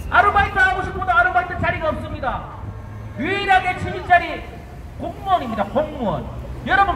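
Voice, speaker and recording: A man with a Daegu Gyeongsang accent giving a fiery political rally speech outdoors, shouting slogans and firing rhetorical questions at the crowd. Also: very high voice. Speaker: rally speaker. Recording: echoey outdoor street, long reverb, faint noise.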